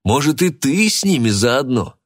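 A man voicing a curt, hard-nosed police detective who speaks in a measured way. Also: medium pitch, sing-song, voice pushed up.

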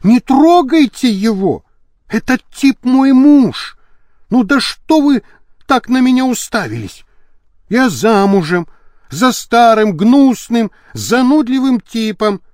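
A man's voice: animated, takes it slowly, a little mellow, dry recording, clean studio sound, heavily acted. A man reading an audiobook, voicing a fiery young actress who loathes her husband, in a raised, exclaiming voice. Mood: indignant. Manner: shrill, exclaiming. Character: hot-tempered actress, young woman, hates her husband. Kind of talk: audiobook character voice.

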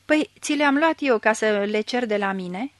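Lady doing a kind old village priest, soft questions, a bit raised from her usual read. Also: fairly high pitch, no room sound, close to an everyday voice. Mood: gentle. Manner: gentle, questioning.

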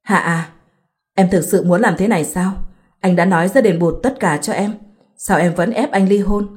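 A woman voicing a drunk, self-pitying husband who pleads with his wife, read in an even storytelling voice. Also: high-pitched, normal speed, close to an everyday voice. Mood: disbelieving.

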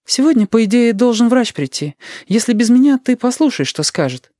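A bustling, affectionate mother with a raised, lively voice, as a man reading the story puts her on. She chatters quickly from one errand to the next, in a dry close recording. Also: extremely high pitch, no room sound, voice pushed up. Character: tired caring middle-aged mother, brisk.

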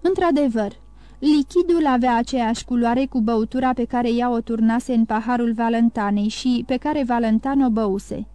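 A woman narrating a classic novel as an audiobook, reading in a measured, even way. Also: fairly high pitch, no room sound. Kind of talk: scripted narration.

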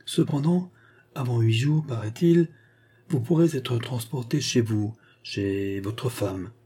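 A man voicing a soft, tender, mysterious young woman who nurses a wounded man, in an audiobook. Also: mid-range voice, takes it slowly, slightly rough. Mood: gentle.

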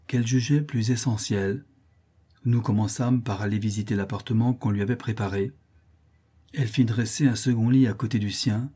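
Man, audiobook narrator, warm dark tone, breathy edge, measured literary reading. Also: lowish voice. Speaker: audiobook reader. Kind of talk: scripted narration of a classic novel.

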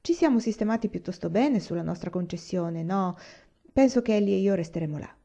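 A man's voice: high voice, animated, a little fast, creaky, mellow, exaggerated voice. A woman reading a plain-spoken homesteader. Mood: firm. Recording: slightly dull lo-fi recording.

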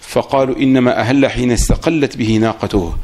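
Fast-reading man reciting a text. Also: mid-range voice, steady tone, darkish tone. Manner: reads steadily, pauses for the teacher's comments. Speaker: student reading the text aloud. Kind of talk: reading a classical Arabic text aloud.

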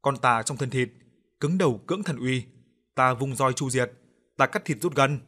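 Man doing a stern old exorcist chanting spells, loud and commanding. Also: medium pitch, normal speed.

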